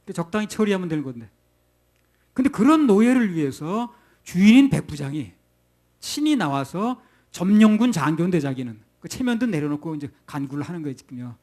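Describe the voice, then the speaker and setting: A man's voice: high voice, dark tone. Folksy, conversational middle-aged preacher man. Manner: conversational, folksy, with rhetorical questions. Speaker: pastor. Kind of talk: sermon.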